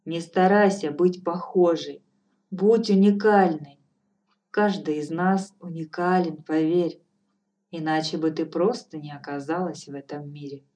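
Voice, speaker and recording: A woman's voice: low voice, fairly even intonation, a little slow, mellow. Woman voicing a blunt old fortune-teller. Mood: calm. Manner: cool, matter-of-fact, firmly lecturing. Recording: distant from mic, faint music behind.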